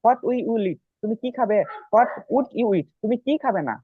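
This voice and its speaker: A man's voice: very high-pitched, animated, measured pace, husky, no echo. A male student politely reciting drill sentences, each followed by its translation, in an online class. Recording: tinny dry call audio.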